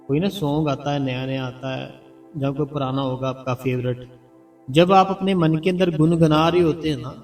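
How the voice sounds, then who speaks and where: A man giving spiritual meditation guidance in a slow, repetitive, coaxing way, softly chanting names as he teaches. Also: a little high. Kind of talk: devotional guidance talk. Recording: heard from a distance over background music.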